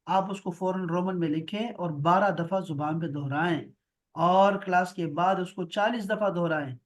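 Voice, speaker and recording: A man teaching an online Arabic class over a video call, patient and repeating words for drill. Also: high-pitched. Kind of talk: online grammar lesson.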